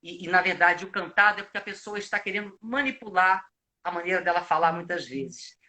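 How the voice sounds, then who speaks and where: Bright-voiced Brazilian actor giving advice. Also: male voice, sits high, brisk. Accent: Brazilian Portuguese. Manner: reflective, explanatory, many filler restarts. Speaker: actor and acting coach. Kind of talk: live video chat, giving advice. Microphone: video call.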